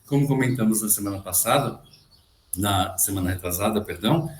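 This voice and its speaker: A man's voice: on the low side, a little fast, reverberant. A man teaches Byzantine chant on a video call, explaining and tagging his points with frequent questions, now and then chanting a short phrase. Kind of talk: online music lecture with sung examples.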